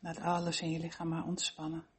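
A soft, breathy voice guiding a body-scan meditation, speaking gently and slowly with long pauses. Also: medium pitch, monotone. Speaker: meditation guide.

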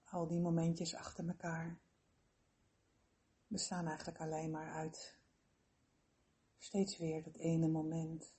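A woman leading a slow guided relaxation meditation in a soothing, gentle, unhurried manner with long pauses. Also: low voice, monotone.

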